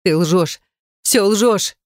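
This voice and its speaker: Brief: young heroine, furious and desperate, audiobook dialogue, woman narrator, medium pitch. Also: drawn-out words, darkish tone, dry recording, studio quality. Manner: desperate, indignant, tearful.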